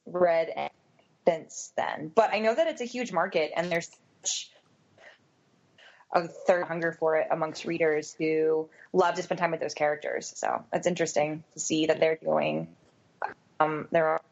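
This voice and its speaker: Woman co-host, low gravelly voice, rambling self-mocking chat, lo-fi sound. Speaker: podcast co-host. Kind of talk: casual chat. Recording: dull lo-fi sound.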